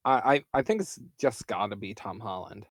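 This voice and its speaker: A man's voice: lowish voice, normal speed, no echo. A young man co-hosting a podcast, chatting casually with dry, laid-back quips. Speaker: podcast co-host. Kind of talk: casual chat.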